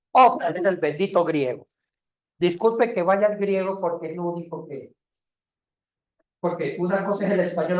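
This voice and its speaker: Lively woman teaching a Bible class. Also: fairly low pitch, far from the mic. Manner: lively, calls on students by name, jokes. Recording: echoey classroom.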